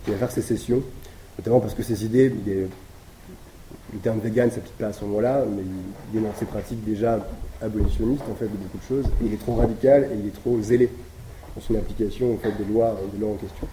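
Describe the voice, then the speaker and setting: A man's voice: fairly low pitch, steady tone, fast talker. A man giving an academic lecture, talking with many hesitations, fillers and restarts. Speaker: academic speaker. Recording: echoey room with noise.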